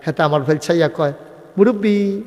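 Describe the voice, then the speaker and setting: With a fairly high, darkish voice and a slightly quick delivery, a preacher gives a funny Islamic sermon at a religious gathering. He tells conversational stories full of dialogue and gets the audience to call back. The audio has a long reverb tail and a faint hiss or hum.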